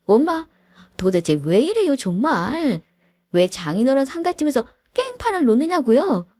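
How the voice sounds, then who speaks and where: An angry young husband lashing out at his own mother, as a woman narrator acts him. The delivery is loud and animated with a lively pitch. The recording is dry and close. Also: moderate pace, dry recording. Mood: outraged. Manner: outraged, shouting. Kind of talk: dramatized story reading.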